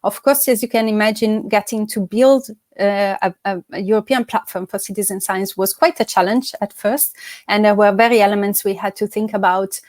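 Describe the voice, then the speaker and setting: A woman's voice: mid-range voice, fairly even intonation, moderate pace, no room sound. A woman moderates an online conference session over a call, her voice dry and close with no room sound. She speaks politely, with fillers and apologies as she hands over to speakers.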